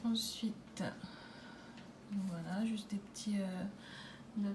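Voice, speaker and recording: A woman presenting a handmade scrapbook album in a casual way, pausing often with fillers and restarts. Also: medium pitch, steady tone, noisy background. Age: adult with a daughter. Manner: hesitant, many fillers and restarts. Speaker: scrapbooking vlogger. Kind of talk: casual craft show-and-tell.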